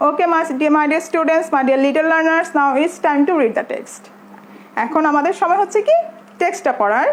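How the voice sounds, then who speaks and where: Bangladeshi woman as a primary English teacher; high voice, unhurried, drawn-out words, light background hiss. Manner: slow, drawn-out, addressing young pupils, switching between English and Bengali. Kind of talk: online classroom lesson.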